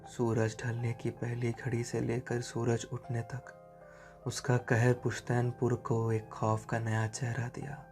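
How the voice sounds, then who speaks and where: A grave old village grandmother, put on by a male narrator speaks in hushed, urgent warnings. She is frightened and secretive, the voice of dread in a spoken horror tale. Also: mid-range voice, monotone, takes it slowly, faint music behind.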